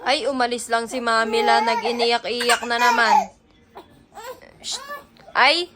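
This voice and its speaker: A young woman babysitting a baby, talking in soft, coaxing, singsong baby talk that often drops to a hush. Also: a little high, fairly even intonation, unhurried, heavy background noise. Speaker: older sister babysitting a baby. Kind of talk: casual baby talk in home vlog.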